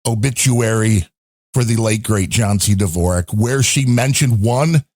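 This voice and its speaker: A man on a casual talk show, telling a long, animated, rambling story about a storm and his week. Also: on the low side, measured pace, no echo. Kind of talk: casual chat. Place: home in a storm-hit area.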